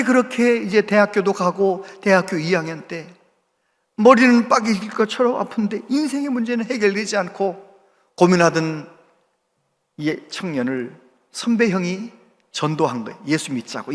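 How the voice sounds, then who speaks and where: In a large church sanctuary, a male pastor with a high-pitched voice preaches a sermon at a moderate pace. He tells a story with his voice sharply climbing and dropping, and the recording carries church hall reverb.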